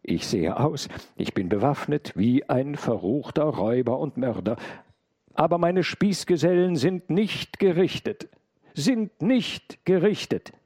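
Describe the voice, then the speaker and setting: A wild, desperate armed stranger, as a male reader acts him out, crying out and pleading in a strained, high-pitched voice. The pitch leaps about animatedly and the voice is husky. It sounds close and dry. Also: lively intonation, moderate pace, hardly any pauses, warm tone, dry recording.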